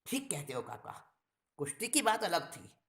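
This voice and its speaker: A woman's voice: fairly low pitch, big pitch swings, measured pace, a bit bright, echoey room, full character voice. A woman voicing an indignant young villager. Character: young villager, angry about treachery.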